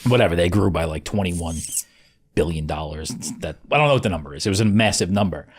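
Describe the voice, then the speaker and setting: A man with a New York accent, co-hosting a podcast, relaxed, retelling things he heard with lots of fillers. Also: deep voice, quick pace, breathy edge. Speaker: podcast co-host. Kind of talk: casual chat.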